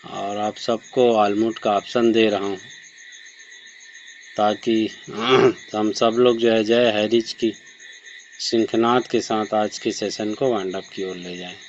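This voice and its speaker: A man with a fairly low voice closes an online meeting with formal announcements. He speaks very slowly, pausing on hesitant fillers. The sound is dull and lo-fi, as over a video call. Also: fairly even intonation, a little hiss or hum. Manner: slow, measured, with many hesitation fillers. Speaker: online session moderator.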